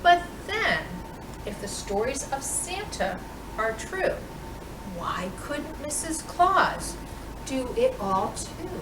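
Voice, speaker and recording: Playing Mrs. Claus, a storyteller reads a picture book to children with lots of expression, swinging her pitch widely and pausing for drama. It's recorded from a distance in a roomy space, with clear background noise.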